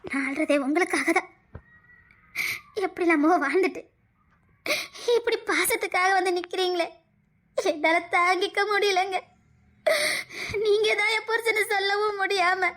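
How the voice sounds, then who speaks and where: A woman playing a tearful, devoted wife, very high voice. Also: brisk, pauses often, fairly bright tone. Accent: Tirunelveli Tamil. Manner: tearful, earnest, emotional. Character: long-suffering devoted wife, tearful and loyal. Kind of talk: family drama skit.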